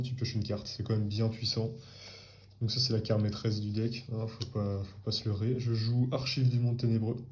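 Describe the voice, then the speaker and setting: A man's voice: medium pitch, mellow, dull audio. A man casually presenting his card game deck, hesitant with frequent fillers and slangy asides. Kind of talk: casual chat.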